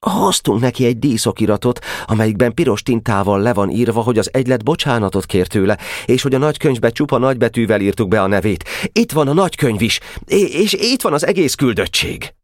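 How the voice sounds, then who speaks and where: A man voicing an eager, nervous schoolboy spokesman who explains things quickly. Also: mid-range voice, expressive, no room sound, clean studio sound, pitched above the performer's own voice, close to an everyday voice.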